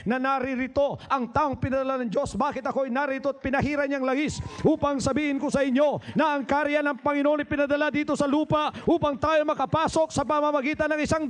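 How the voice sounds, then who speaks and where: High-pitched pastor preaching. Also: male voice. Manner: swings from soft low asides to high shouted exclamations, repeats words for emphasis; asks the crowd rhetorical questions. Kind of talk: Taglish preaching sermon to a congregation.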